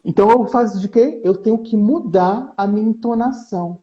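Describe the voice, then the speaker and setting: A man's voice: high-pitched, normal speed, dull audio. A man, a researcher, chatting as a guest on a live stream and acting out book lines with shifting intonation. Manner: animated, dramatizes book reading with shifting intonation. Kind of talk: casual chat on a live stream.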